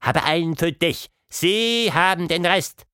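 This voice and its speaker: Man doing a squeaky, nervous sewer mouse. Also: sharp tone, clear, resonant tone, no room sound, clean studio sound. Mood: scheming, nervous. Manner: squeaky, halting broken phrases. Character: nervous sewer mouse, speaks broken German.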